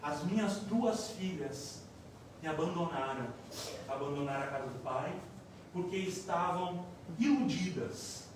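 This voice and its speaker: A man voicing a loving, motherly female spirit, speaking softly and low in an echoey hall. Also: recorded from a distance, a little hiss or hum.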